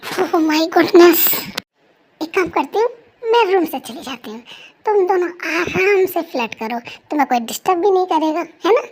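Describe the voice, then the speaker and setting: A woman's voice: extremely high pitch, lively intonation, normal speed, a little mellow. A woman playing a jealous, short-tempered young wife who scolds in an exasperated way, in a fan story role-play.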